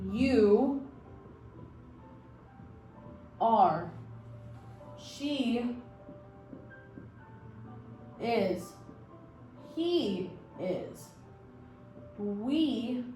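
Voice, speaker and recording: With a fairly high pitch and a dark tone, a language teacher from Mexico in her 20s chats through a casual spoken lesson, encouraging her listeners and dropping in fillers and asides. Faint music and a roomy echo fill the recording.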